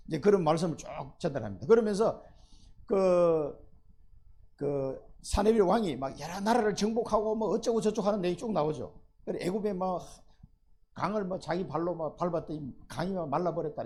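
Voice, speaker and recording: A male pastor preaching a lively sermon at a church service, often asking the congregation rhetorical questions. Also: a little high, a little fast.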